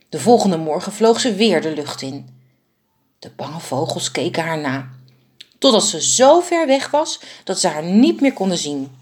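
A woman reading aloud a children's story she wrote, expressive and lively. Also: low-pitched, husky. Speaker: author and narrator.

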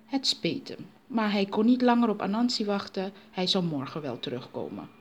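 A woman narrates a folk tale as a storyteller. Her voice sits in the middle range, and she drops it soft and low on asides. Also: big pitch swings, normal speed, husky, lo-fi sound.

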